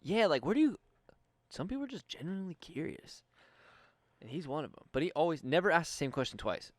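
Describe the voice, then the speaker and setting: A man's voice: fairly high pitch, very animated, fast, fairly bright tone, no room sound. A young man co-hosting a casual podcast chat, loose and profane with lots of slang. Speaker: podcast co-host.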